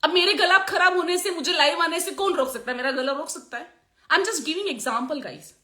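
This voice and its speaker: A woman makeup artist chatting on a live stream, with a sore throat, animated and laughing often. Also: extremely high pitch, moderate pace, reverberant. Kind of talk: motivational live chat.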